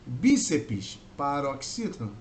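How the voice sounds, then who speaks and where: A man from Brazil teaching an exam-prep grammar lesson, explaining step by step and drawing out key words slowly. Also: mid-range voice, big pitch swings, darkish tone. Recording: faint background noise.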